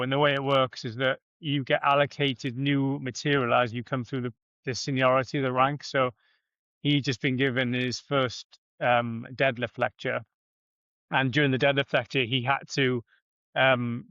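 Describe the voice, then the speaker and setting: A man's voice: mid-range voice, a bit bright, clear, resonant tone, no echo. Man on a bad call connection. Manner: rambling, laughing, swears freely. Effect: bad connection, signal dropping on a call. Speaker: podcast guest. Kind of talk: casual storytelling. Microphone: remote call. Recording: dull lo-fi call line, dry.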